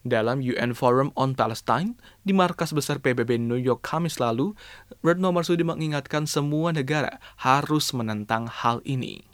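A man's voice: mid-range voice, normal speed, no room sound. A man with an Indonesian accent presenting scripted radio news in a formal announcer delivery, stressing the openings of phrases. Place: radio studio.

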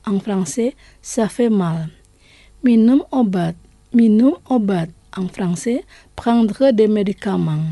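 Woman w teaching vocab on radio, says everything twice, slow and mellow, dry close mic. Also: medium pitch, dry recording. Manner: slow, deliberate, repeats each phrase twice. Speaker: language lesson host. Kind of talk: scripted radio language lesson.

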